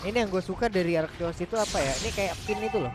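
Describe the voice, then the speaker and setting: Male colour commentator for esports, high voice, chatty and slangy, faint music underneath. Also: rapid-fire. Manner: colloquial, bantering. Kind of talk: casual, slangy esports analysis.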